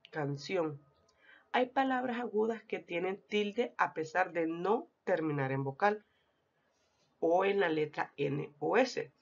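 Gravelly woman teacher, lo-fi recording. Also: fairly low pitch. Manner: deliberate, explanatory, reads out lists of example words. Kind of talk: scripted lesson narration. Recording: dull lo-fi recording.

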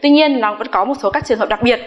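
Woman teacher, slightly high voice, slow careful delivery with repeated drill words, recorded in a reverberant room. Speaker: English teacher. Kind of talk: recorded pronunciation lesson. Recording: echoey room with long reverb.

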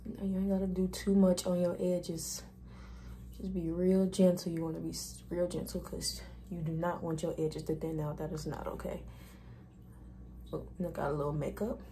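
A woman's voice: on the low side, little pitch movement, normal speed, warm tone, slight background noise. A young woman vlogger talking viewers through a hair tutorial in a casual, chatty, informal way. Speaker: beauty vlogger.

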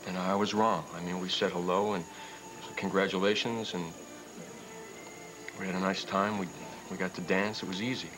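A young actor playing an earnest husband in a TV soap, talking in a soft, hesitant, tender way. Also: male voice, sits low, flat delivery, normal speed, noisy background, close to an everyday voice. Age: young adult. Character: earnest young husband reassuring his wife. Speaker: soap opera character Trucker. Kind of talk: 1990s TV soap acting. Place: indoor studio set, dining room. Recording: soap soundtrack with music underneath.

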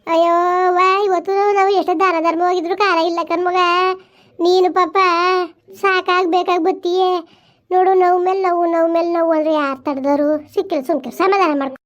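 A woman's voice: very high-pitched, level tone, fairly quick. Woman as consoling village aunty Kamala. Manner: soothing, advising. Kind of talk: village comedy skit. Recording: dull lo-fi sound.

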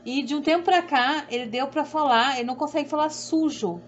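Middle-aged woman with a southern Brazilian accent, a sewing instructor who chats and rambles, voice a touch high, muffled recording. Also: brisk. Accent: southern Brazilian Portuguese. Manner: rambling, repetitive, self-deprecating. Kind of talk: chatty sewing tutorial. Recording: dull audio with faint background hum.

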